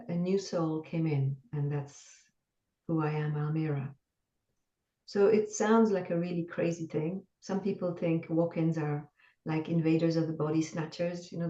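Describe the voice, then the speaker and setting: A woman from France with a French accent, calmly and earnestly explaining her spiritual experience as an interview guest. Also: low-pitched, measured pace. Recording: dull distant roomy call audio.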